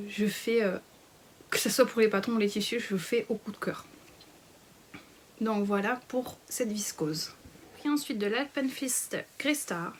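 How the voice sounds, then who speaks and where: A woman's voice: mid-range voice, a little hiss or hum. A woman in her thirties chatting casually through a sewing haul, hesitant with many fillers and often half-whispering. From France. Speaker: sewing vlogger. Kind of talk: casual fabric haul chat.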